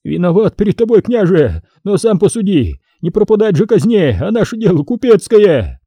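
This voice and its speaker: A man voicing an old male merchant who is a cowardly prisoner, wailing and pleading in a high, strained voice. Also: very animated, moderate pace, dark tone, breathy edge, dry recording, full character voice.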